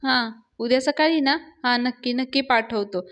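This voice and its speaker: A woman's voice: sits high, normal speed, a bit bright. A woman voicing a theatrical young man putting on an act, while recapping a TV serial. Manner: theatrical, fussing. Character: showy young man pretending on the phone.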